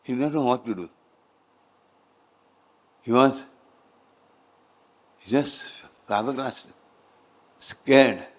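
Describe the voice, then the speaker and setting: A man's voice: mid-range voice, drawn-out words, pauses often. A man with an Indian accent, a spiritual teacher telling a story in a sermon, repeating phrases for emphasis and slipping into Hindi.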